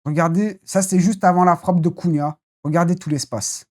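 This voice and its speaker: A football channel host giving a casual, rambling live debrief after a match, blunt and quick to swear. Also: medium pitch, fairly even intonation, darkish tone.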